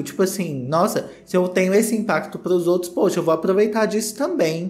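A man's voice: high-pitched, darkish tone. A man in his thirties with a Brazilian accent, giving casual gossip commentary in a sassy, theatrical, slangy way. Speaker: commentary video host. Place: small indoor home studio.

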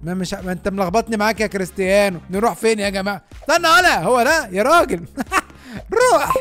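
A man with an Egyptian Arabic accent giving chatty, excitable gaming commentary, talking straight to his viewers. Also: sits high, very fast, faint music behind. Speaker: gaming YouTuber.

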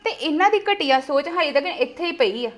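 A woman's voice: high voice, expressive, brisk. A woman playing a bold, defiant young wife. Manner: assertive, lecturing.

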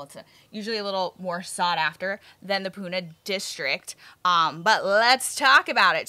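Woman broker, enthusiastic, explains numbers, bright voice, dry close sound. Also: lowish voice, no room sound. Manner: enthusiastic, explains figures steadily. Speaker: real estate broker. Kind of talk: casual market-update chat.

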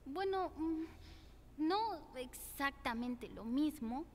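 Hesitant young cartoon heroine, echoing hall. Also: female voice, sits high, expressive, takes it slowly, a little hiss or hum, heavily acted. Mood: gently reassuring. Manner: hesitant, soft-hearted. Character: anxious, gentle, caring young woman in cartoon.

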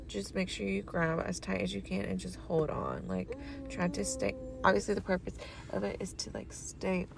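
A woman's voice: medium pitch, vocal fry. A sleepy young woman doing a casual, chatty makeup voiceover for her vlog, rambling with lots of fillers. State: sleepy, yawning. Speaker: beauty vlogger. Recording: steady background noise.

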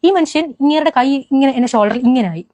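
Recounting an incident she witnessed, a young woman from Kerala tells her story rapidly and with lots of animation, frequently restarting sentences. Her voice is pitched high, with no room sound in the recording.

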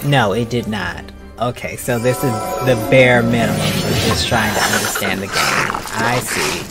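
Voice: medium pitch, unhurried. A gamer giving casual let's play commentary, with playful, sarcastic asides. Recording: commentary over clear game music.

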